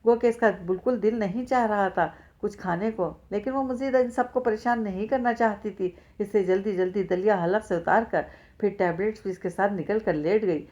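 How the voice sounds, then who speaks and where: A woman narrating a novel in an even, steady storytelling voice. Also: medium pitch, normal speed. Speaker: audiobook narrator. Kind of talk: reading a novel aloud.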